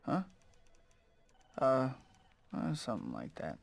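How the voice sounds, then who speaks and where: A man's voice: mid-range voice, huge pitch swings, takes it slowly, creaky, heavily acted. A young man playing a quippy, good-natured, self-deprecating superhero in a video game, with a boyish manner. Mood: rueful. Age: young adult. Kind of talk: video game cutscene acting. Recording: loud music behind.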